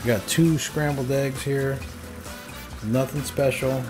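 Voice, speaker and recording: A man's voice: mid-range voice, steady tone, takes it slowly, music in the background. Easygoing man narrating an outdoor cook. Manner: easygoing, talks viewers through each step. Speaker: cooking channel host. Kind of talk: casual cooking demo narration. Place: outdoors at a griddle on a patio.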